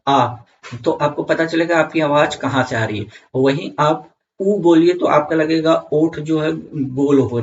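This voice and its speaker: A man's voice: on the high side, lo-fi sound. A man teaching an online grammar lesson for exam students, repeating key points and checking in with viewers.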